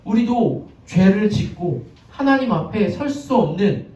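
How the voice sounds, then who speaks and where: A male pastor preaches in a relaxed, conversational way, stopping to ask his listeners questions. His voice sits high and swings widely in pitch, with a soft, dark tone. He is recorded from a distance in an echoey church, and the sound comes through dull and lo-fi. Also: a little slow. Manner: chatty, asks the congregation questions, acts out scenes. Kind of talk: conversational sermon. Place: church sanctuary.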